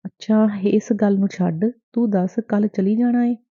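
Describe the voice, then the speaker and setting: A woman's voice: medium pitch, fairly even intonation, moderate pace, dark tone, close to an everyday voice. A woman voicing an earnest, lovesick young man in an audiobook, close to her own voice. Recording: dry, tinny phone-like sound.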